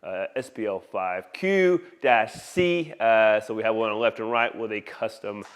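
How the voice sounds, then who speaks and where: Measured and clear, his resonant voice sits on the low side as he walks through an audio installation on video. He's holding a phone camera in a big open living room, talking with casual, salesman-like enthusiasm.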